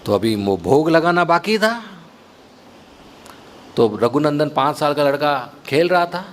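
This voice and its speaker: Animated male preacher telling a story. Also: on the high side, unhurried, slight background noise. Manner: animated, mixes English words into speech. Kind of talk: devotional storytelling talk.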